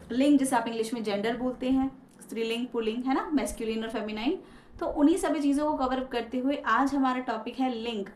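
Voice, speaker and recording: A woman's voice: fairly high pitch, reverberant, distant mic, a little hiss or hum. A young woman teaching a grammar lesson, often mixing English into her speech and checking in with her students after each point. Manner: mixes English into Hindi, frequent "ठीक है" check-ins. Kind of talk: classroom lesson.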